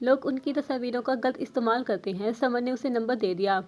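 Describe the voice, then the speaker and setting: A woman reading a novel aloud as narrator in an even, steady storytelling manner. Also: a little high, lo-fi sound.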